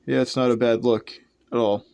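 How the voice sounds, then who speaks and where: Keeping his medium-pitched, slightly mellow voice fairly even and his pace moderate, a young toy-customizing host casually walks through a hobby project. His talk meanders and turns self-deprecating, and the homemade audio is clearly noisy.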